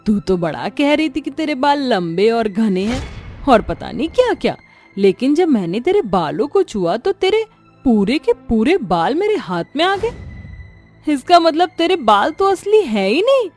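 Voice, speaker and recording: A woman voicing a sharp-tongued middle-aged mother-in-law who scolds and mocks in an animated storybook. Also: a little high, soft background music. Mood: mocking. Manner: scolding, quick to anger.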